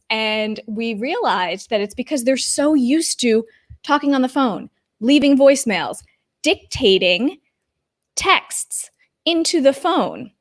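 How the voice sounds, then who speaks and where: A woman in her thirties giving upbeat, chatty tips to camera as a video coach. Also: fairly high pitch.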